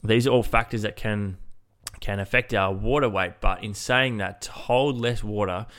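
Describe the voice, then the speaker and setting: A fitness coach hosts a casual solo podcast in an informal way, his fairly low, fairly bright voice sounding nasal and congested. He speaks at a normal speed.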